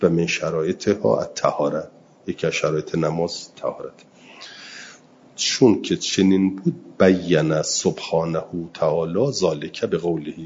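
A man teaching a religious lesson, reading Arabic text slowly and then explaining it quickly in colloquial Persian. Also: low-pitched, darkish tone, dull audio, a little hiss or hum. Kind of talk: seminary lesson explaining Quranic grammar.

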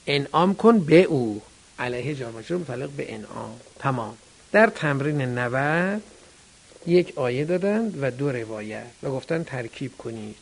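Gravelly man teaching a grammar lesson. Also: on the high side. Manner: asks and answers his own questions; addresses students directly.

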